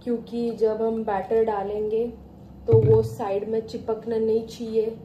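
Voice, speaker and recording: A woman's voice: a little high, level tone, measured pace, highs cut off, slight background noise. A young woman chatting casually through a home cooking vlog, rambling and correcting herself as she goes. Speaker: cooking vlogger. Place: home kitchen.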